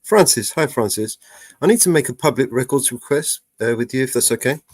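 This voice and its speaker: A British man hosting a live stream phones a police department, explaining himself hesitantly with lots of fillers. His medium-pitched voice is animated and brisk, with no echo.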